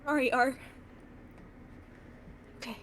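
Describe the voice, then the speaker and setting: High-voiced woman playing a tabletop game. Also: steady tone, slow pace, fairly bright tone, slight background noise. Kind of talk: casual in-character improvised play.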